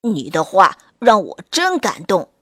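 A woman voicing a big, hungry male gray wolf in a children's story, loud and blustering, slow to catch on. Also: medium pitch, wildly swooping pitch, breathy edge, no echo, studio quality, voice pushed down, heavily acted. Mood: gruff.

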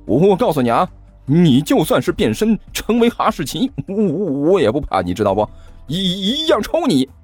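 A man's voice: mid-range voice, wildly swooping pitch, normal speed, darkish tone, breathy edge, dry recording, faint music behind, heavily acted. A man voicing a short-tempered, cocky young man who fires off brash retorts and stammers when scared. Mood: nervous.

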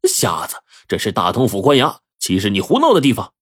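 A man's voice: fairly low pitch, wildly swooping pitch, fairly quick, a little hiss or hum. A man voicing a haughty, dismissive male runner at a government office in a told tale. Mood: scornful.

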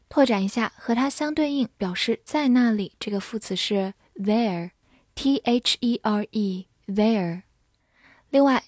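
A young woman teaching English vocabulary, spelling out words letter by letter and reading example sentences slowly. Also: mid-range voice, darkish tone, no room sound, clean studio sound. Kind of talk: vocabulary lesson.

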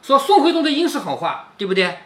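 Guy explaining an old novel, chatty, keeps asking right?, bright bouncy voice. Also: very high voice, sing-song, quick pace. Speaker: book reader and commentator. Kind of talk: explaining a classic novel aloud.

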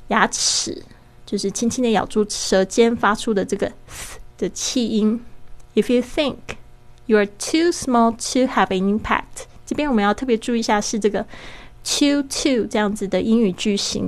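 A woman hosting a podcast English lesson, explaining step by step and slowing down to model English pronunciation. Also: mid-range voice. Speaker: podcast host and English teacher.

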